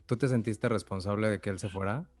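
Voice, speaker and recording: A man hosting an interview, asking earnest, halting questions and sharing his own experience. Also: on the low side, a little mellow, soft background music. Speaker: host. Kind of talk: interview conversation.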